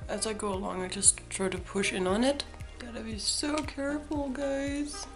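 A woman's voice: on the high side, steady tone, normal speed, over music, rough recording. Chatty young woman in a face mask. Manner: chatty, giggly, addresses viewers as guys. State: face mask around mouth. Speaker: beauty vlogger. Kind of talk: casual product demo.

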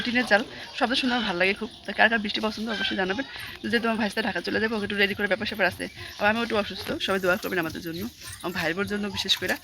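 A young woman vlogging casually from her rural home, a little hoarse, chatting quickly and cooing at a small child. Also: medium pitch, background noise. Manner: rapid chatty talk, coos loudly at a small child. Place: rural home, indoors and yard.

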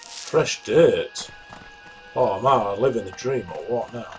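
A man with a mid-range voice talks casually over game music while he plays. He often drops to a quiet mutter, half talking to himself. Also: mid-range voice, slow pace. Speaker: streamer. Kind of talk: casual chat while gaming.

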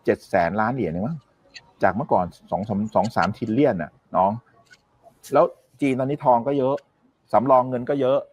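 A man with a husky, slightly breathy voice talks about the economy in a loose, conversational way. His pitch moves a lot, rising and falling sharply to stress each point. He sounds sure of himself, makes firm calls, and keeps asking his listener whether they agree. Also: expressive, fairly quick, a little mellow, dry recording. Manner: confident, makes firm predictions. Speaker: economic commentator. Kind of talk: casual explanatory talk.

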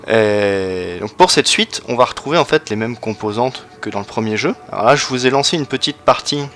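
A man's voice: mid-range voice, lively intonation, fairly quick, a bit bright. A man losing his voice, giving casual, hesitant commentary while showing a strategy game, with many fillers and restarts. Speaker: let's play host.

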